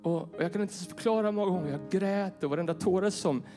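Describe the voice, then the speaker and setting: A man preaching a passionate sermon in a church, swinging from loud calls to the crowd down to hushed scripture reading. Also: high voice, faint music behind. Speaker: pastor. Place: church hall.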